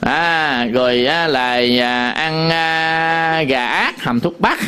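A man's voice: on the high side, slow, sharp tone, clean tone. A man with a Southern Vietnamese accent, a Buddhist monk giving a dharma talk to an audience, telling stories with many fillers and repetitions.

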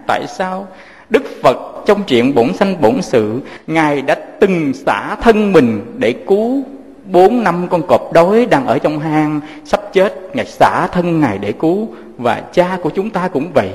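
High-voiced man preaching. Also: long reverb tail. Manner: gentle, addresses listeners as children, tells moving stories. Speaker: Buddhist teacher. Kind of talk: sermon with storytelling.

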